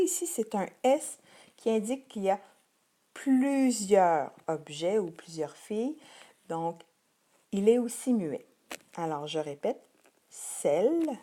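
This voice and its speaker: A middle-aged woman with a Québécois French accent slowly and patiently teaches children a vocabulary list, carefully repeating each word. Her mid-range voice is mellow, with lively intonation.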